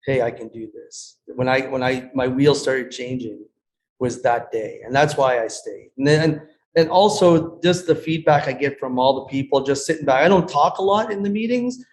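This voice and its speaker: A man, a karate school owner, speaking earnestly and haltingly as a podcast guest on a video call. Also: mid-range voice, slight background noise. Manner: earnest, halting, many restarts. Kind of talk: casual interview chat.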